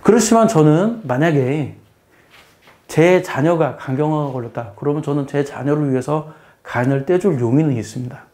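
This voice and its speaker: A man's voice: a little high, moderate pace, dark tone. A middle-aged man, a math teacher, giving a casual spoken lecture in a plain explaining tone. He often repeats phrases and puts questions to the listener.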